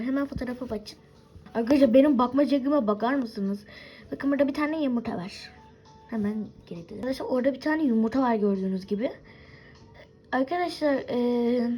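A woman's voice: fairly high pitch, dark tone, slightly rough, rough recording. A young woman hosting a game video, giving casual play-by-play commentary, chatting to her viewers with forgetful asides. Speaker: gaming video host.

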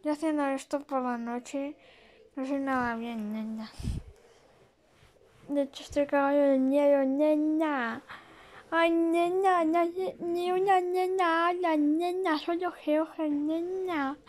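A woman's voice: high-pitched, steady tone, takes it slowly, darkish tone. A woman from Spain with a Spain Spanish accent, streaming a horror game live and giving jittery, jumpy commentary that hangs a pet word on almost every phrase.

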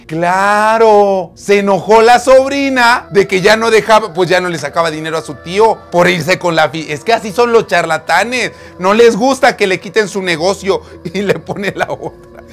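A man's voice: high voice, vocal fry, a bit bright. A man reading out chat messages and reacting with laughs, gasps and mock outrage. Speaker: host reading chat screenshots. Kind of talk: animated casual storytelling.

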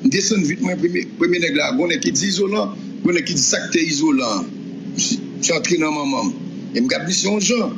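A man giving an animated account of events, often voicing other people's words. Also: on the high side, brisk, gravelly. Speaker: person recounting events. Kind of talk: spoken testimony. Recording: dull noisy recording.

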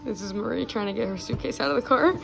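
A woman's voice: medium pitch, fast talker, vocal fry. A young woman vlogging her trip in casual narration, chatty and often giggling, filmed on a handheld phone. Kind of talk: casual travel vlog narration. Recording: noisy travel background, vehicles.

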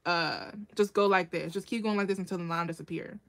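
A woman's voice: on the low side, fairly even intonation, a little fast, creaky, fairly bright tone. A woman hosting a casual nail art tutorial livestream, chatting with viewers by name and laughing often as she works.

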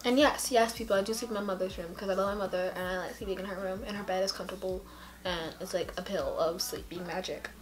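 A woman's voice: mid-range voice, steady tone, quick pace. A young woman with a headache chatting sleepily to a close camera at home late at night, drifting from topic to topic in a giddy, rambling way. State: tired, with a headache. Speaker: vlogger. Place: indoors at home, sitting on a carpet. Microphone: camera close up at arm's length.

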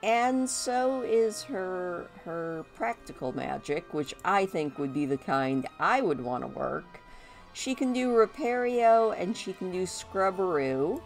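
A woman's voice: fairly low pitch, big pitch swings, slow, soft background music, low-quality recording. A woman giving casual, chatty game commentary, talking to her characters, with a slight whistle on her s sounds. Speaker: gameplay host.

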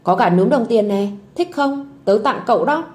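A woman's voice: fairly high pitch, expressive, normal speed, a little mellow, lightly acted. A woman voicing a brave little schoolboy who acts grown-up and protective, in a storybook audio drama. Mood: earnest. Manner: earnest, grown-up bravado.

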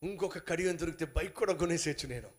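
A man voicing a greedy poor male passerby in a sermon story, excitable and grasping, with loud yelps. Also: fairly high pitch, fast, lightly acted. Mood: scheming. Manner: excited, yelps loudly in pain.

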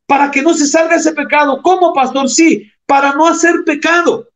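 High-voiced male preacher. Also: fairly even intonation, moderate pace, a bit bright. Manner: addresses the congregation as brothers, asks rhetorical questions; reads scripture verses aloud and explains them. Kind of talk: sermon.

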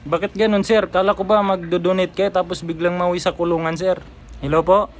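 High-voiced, polite man. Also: level tone, brisk, a little hiss or hum. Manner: polite, feigning innocence, pleading. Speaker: prankster baiting a scammer. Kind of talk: prank phone call.

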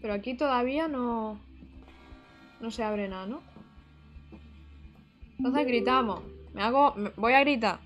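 Excitable high-voiced woman gamer. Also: unhurried, long pauses, soft background music. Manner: excitable, reacts loudly and jokes. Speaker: gaming streamer. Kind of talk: casual gameplay commentary.

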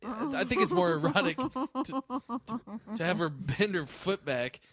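A man's voice: high-pitched, very animated, moderate pace, fairly bright tone. A man co-hosting a comedy podcast, joking crudely and rambling through his points. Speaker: podcast co-host. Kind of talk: casual comedy podcast chat.

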